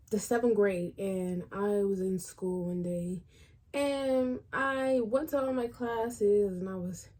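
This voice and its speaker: A woman vlogger with a mid-range, dark-toned voice tells a personal story. Her speech is casual and colloquial, and she acts out what people said.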